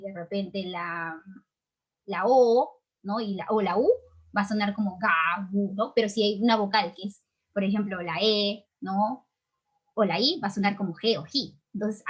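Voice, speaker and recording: A woman with a Peruvian accent teaching an online grammar lesson, explaining patiently and checking in often with quick tag questions. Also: medium pitch, a bit bright, lo-fi sound. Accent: Peruvian Spanish. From Peru.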